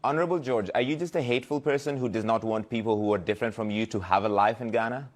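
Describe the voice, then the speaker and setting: A man's voice: fairly low pitch, fast talker. A man working as a news interviewer, challenging his guest with pressing, pointed questions.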